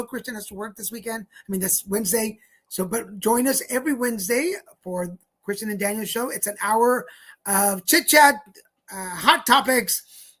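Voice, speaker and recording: A man's voice: high-pitched, fairly bright tone. A man co-hosting a live online show, chatting casually and rambling with fillers while wrapping up announcements. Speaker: co-host. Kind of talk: casual live-stream chat.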